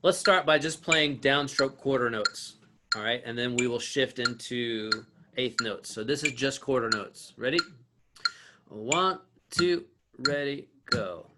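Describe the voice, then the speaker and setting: A man with a mid-range voice teaches an online acoustic guitar lesson at normal speed, explaining with restarts and fillers and counting beats aloud as he plays. The video-call audio is very noisy.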